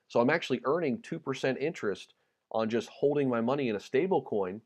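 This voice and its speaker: An American man hosts a laid-back crypto livestream, reading viewer comments in a relaxed, chatty way full of ums and repeated words. His medium-pitched voice moves fairly quickly, and he is slightly losing it, sounding a little worn.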